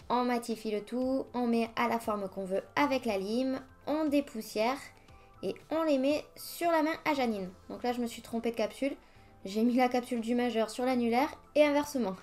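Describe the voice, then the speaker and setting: A slightly high, somewhat mellow female voice walks through a nail art tutorial one step at a time. The nail artist is chatty and quick to laugh at her own mistakes, with faint music in the background.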